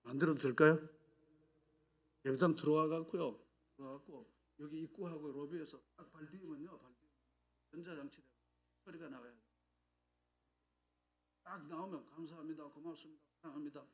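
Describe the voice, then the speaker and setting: A male pastor preaching a sermon, shifting between loud exhortation and hushed whispers, asking the congregation questions and leading them in repeating phrases. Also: a little high, moderate pace, pauses often, husky. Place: church sanctuary.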